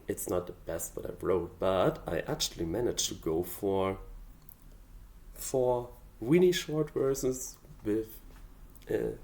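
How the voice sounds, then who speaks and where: A hobby songwriter whose first language is German talks through his draft lyrics in a casual explanatory vlog. His mid-range voice is a little mellow, and he sounds hesitant and thoughtful, with many fillers.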